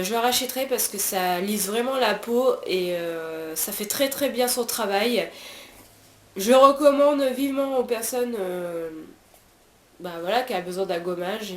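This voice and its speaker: A French woman with a French accent reviewing beauty products in a casual chat, talking freely with many fillers and restarts. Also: mid-range voice. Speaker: beauty vlogger. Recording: roomy echo, faint background hiss.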